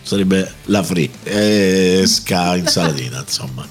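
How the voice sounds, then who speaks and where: A man's voice: low-pitched, lively intonation, a little slow, soft background music. A man chatting casually as a bingo caller and host, using dialect words and announcing numbers theatrically. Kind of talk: casual group chat while calling bingo numbers.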